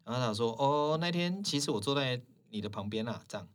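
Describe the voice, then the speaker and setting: A quick-talking man, chatting casually as a hairstylist guest. He tells his stories in a lively way and slips into other voices for the people he quotes. His voice sits at an ordinary middle pitch for a man. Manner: animated, acts out quoted dialogue in shifted voices. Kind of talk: casual chat, storytelling.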